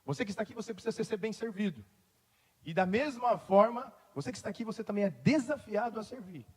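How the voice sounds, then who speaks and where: This is a male pastor's sermon in church, starting as easygoing storytelling and building to emphatic statements. His voice is very high-pitched, a little mellow and breathy-edged, ringing with the hall's long reverb.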